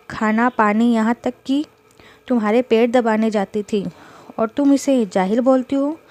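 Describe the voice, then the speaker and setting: A woman voicing a stern, fierce mother-in-law in a storybook tale, talking in sharp, scolding rebukes. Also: a little high, close to an everyday voice. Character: stern fierce older mother-in-law, protective of her daughter-in-law.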